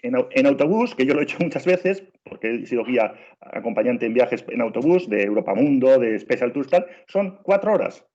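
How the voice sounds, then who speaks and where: In an expressive, fairly quick voice of medium pitch and darkish tone, a middle-aged Spaniard with a clear accent presents a webinar as a train travel trainer. He pushes insistently, repeats things, and often starts sentences over. The sound is muffled and lo-fi, as on a video call.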